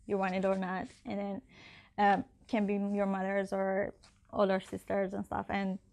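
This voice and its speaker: A young woman running in an election answers interview questions in English, which isn't her first language, and her answers are full of fillers and restarts; her first language is not Icelandic. Her voice has a medium pitch and a gravelly, slightly mellow quality, delivered in a monotone at a moderate pace.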